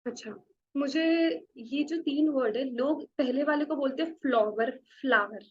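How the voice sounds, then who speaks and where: High-voiced Indian woman teaching English. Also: dull audio, slight background noise. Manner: explains slowly, repeating words and asking the class questions. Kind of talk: classroom lecture to beginners. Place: classroom with a blackboard.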